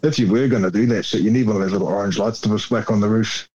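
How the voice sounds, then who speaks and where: A man's voice: lowish voice, very fast, warm tone, breathy edge, dull audio. A man in casual conversation. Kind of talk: casual chat.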